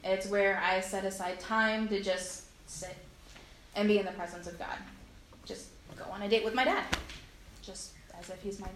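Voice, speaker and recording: A woman telling a heartfelt personal testimony to a congregation in an earnest storytelling way, with frequent pauses and fillers. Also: mid-range voice, steady tone, echoey room, background noise. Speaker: speaker sharing a personal testimony.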